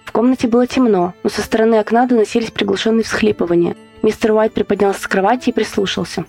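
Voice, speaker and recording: A woman podcast host reading a horror story aloud with steady, measured narration. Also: medium pitch, creaky, slightly rough, soft background music.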